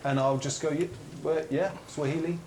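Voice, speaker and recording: A man's voice: a little high, fairly even intonation, normal speed. A man on a panel show, improvising a bluff with hesitant, stalling banter. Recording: roomy echo, clear background noise.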